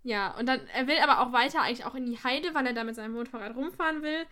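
Female co-host, high and bright, chatty recap voice that slips into quick acted quotes. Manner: retells scenes with acted quotes and frequent laughter. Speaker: podcast co-host. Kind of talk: casual chat recapping an episode.

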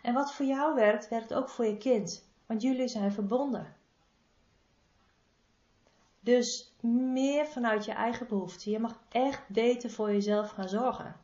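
A woman's voice: on the high side, measured pace, dark tone. Female therapist, informal and affectionate, repeats her advice. Roomy, slightly muffled recording. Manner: affectionate toward listener. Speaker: body-energy therapist. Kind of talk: casual advice monologue. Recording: roomy, slightly dull sound.

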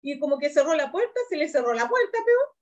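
A woman's voice: high voice, brisk, dull audio. A Chilean woman in her thirties, animatedly recounting a family conflict in a counseling session and acting out what others said. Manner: animated, acts out quotes of her daughter and partner.

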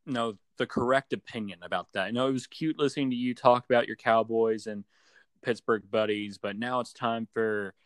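Over a phone voice chat, a young sports podcast co-host offers his opinions in a teasing, mock-serious tone. His mid-range voice stays fairly even and moves a little quickly, with no echo on the call.

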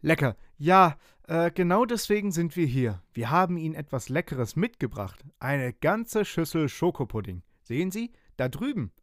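A man lifting his voice into a clever kindergarten teacher woman from a storybook, bright, coaxing and lively. Her tone rises higher than the narration and stays dry and close to the mic. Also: moderate pace, hardly any pauses, no room sound.

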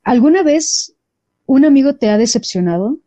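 Mellow woman co-host. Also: sits high, animated, moderate pace, no room sound. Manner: brief reactions and questions, laughs along. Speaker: podcast co-host. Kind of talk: casual chat.

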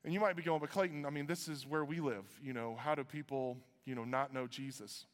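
A man from Iowa preaching a sermon as pastor, conversational with joking asides. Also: brisk. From Iowa, USA. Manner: conversational, joking asides, lively swings in pitch. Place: church auditorium. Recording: reverberant church hall.

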